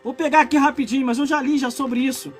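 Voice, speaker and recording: Brazilian pastor in his 40s, live-streamed sermon, pitched high, fervent and prone to shouting, quiet music underneath. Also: steady tone, fast. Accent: Brazilian Portuguese. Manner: impassioned preaching that swells into shouts, broken by chatty asides to viewers.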